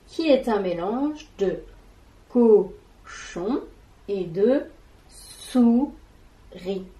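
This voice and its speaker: Slow, mellow-voiced woman teaching syllables. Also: mid-range voice, poor audio. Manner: spells out syllables and sounds deliberately. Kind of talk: slow, clearly articulated classroom lesson.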